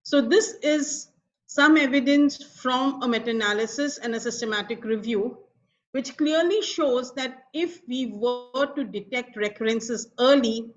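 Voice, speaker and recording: A middle-aged woman with an Indian accent giving a formal, measured medical lecture as a professor. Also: on the high side, a little hiss or hum. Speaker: professor of radiation oncology, guest speaker. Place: online video call. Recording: dull lo-fi video call audio.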